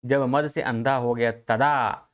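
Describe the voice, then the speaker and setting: A male teacher with a Hindi accent works through Sanskrit verses for exam preparation. His pitch sits in the middle range, and he chants each verse slowly before explaining it in brisk, conversational speech. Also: fairly even intonation.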